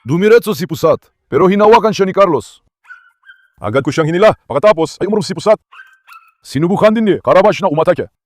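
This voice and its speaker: Male dog-owner vlogger with a high voice and a dry, close sound. He narrates casually, coaxing and scolding his dogs. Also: lively intonation, fast talker, no echo. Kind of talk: casual vlog narration while handling dogs.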